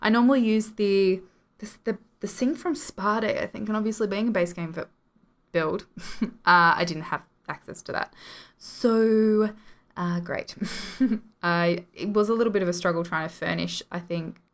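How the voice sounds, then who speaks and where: A woman's voice: mid-range voice, moderate pace. A young Australian woman giving casual, rambling commentary over a building game at home, apologetic and self-deprecating, with frequent giggles. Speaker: video game building channel host. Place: home room.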